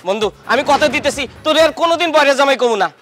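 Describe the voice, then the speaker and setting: A brash, teasing young friend. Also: male voice, extremely high pitch, very fast. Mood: panicked. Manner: teasing, mocking, loud. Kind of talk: comic drama acting.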